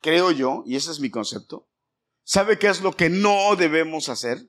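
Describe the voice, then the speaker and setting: A man's voice: on the high side, expressive, a little slow, a bit bright. A man, a pastor giving a conversational sermon in a church, questioning his congregation by name. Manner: acts out scolding dialogues with shifting voices.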